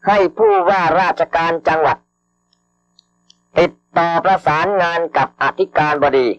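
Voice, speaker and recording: A man reading out formal official orders over a radio broadcast, slowly repeating each phrase for dictation. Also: on the high side. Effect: heard over a radio broadcast. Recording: dull lo-fi archival radio broadcast.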